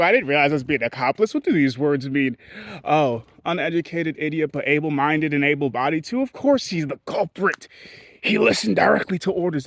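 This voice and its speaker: Cursing freely, a Haitian man vlogs a blunt, meandering rant straight at his viewers in a candid monologue. His a-little-high voice leaps upward and falls low without warning. Everything is recorded close and dry, with no room sound at all.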